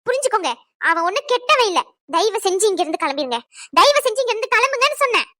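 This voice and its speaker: Woman voicing a fiery squeaky young bride. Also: sing-song, no echo, heavily acted. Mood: defiant. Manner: sharp, indignant rapid scolding. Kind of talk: cartoon voice acting.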